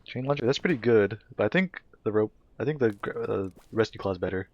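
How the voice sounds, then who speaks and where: A man's voice: lowish voice, lively intonation, a little fast, muffled recording. A man casually commentating a video game live as a streamer, chatty and playful with his chat.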